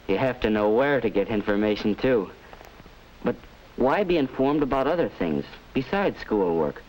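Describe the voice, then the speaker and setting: A man's voice: mid-range voice, animated, unhurried, a little mellow. A man acting as an earnest, polite young student in a 1950s educational film, thinking things through aloud. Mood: pondering. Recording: crackly old 1950s film soundtrack.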